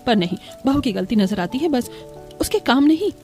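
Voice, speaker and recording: A woman voices an exasperated, complaining daughter-in-law for an animated cartoon. Her voice sits a little high. Soft music plays underneath. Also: normal speed. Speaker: voice actor for several characters. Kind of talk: Hindi cartoon voice acting.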